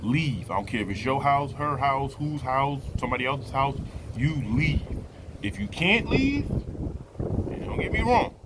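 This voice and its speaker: A vlogger in his late thirties gives a personal testimony, chatting casually and unscripted to viewers in colloquial street slang. His medium-pitched voice is animated but unhurried, with background noise behind him.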